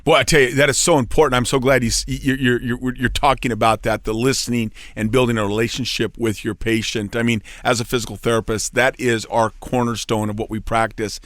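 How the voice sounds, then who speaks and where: A man's voice: medium pitch, flat delivery, fairly quick, few pauses, a bit bright, no echo, studio quality. Enthusiastic male radio host. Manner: enthusiastic, rambling questions. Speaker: radio host, physical therapist. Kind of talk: radio interview.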